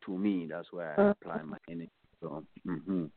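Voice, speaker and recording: Deep-voiced man on a phone line. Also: sing-song, moderate pace, creaky, slightly rough, no room sound. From Tanzania. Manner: meandering, reflective, many filler phrases. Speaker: musician guest. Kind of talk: casual interview answers. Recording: tinny phone line, dry.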